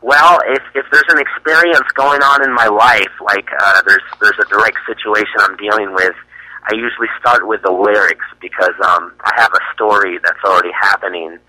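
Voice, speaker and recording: Male musician guest from the US East Coast, bright dry voice, halting and full of fillers. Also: on the low side, steady tone, no room sound, poor audio. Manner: hesitant, many fillers and restarts. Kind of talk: casual interview answers.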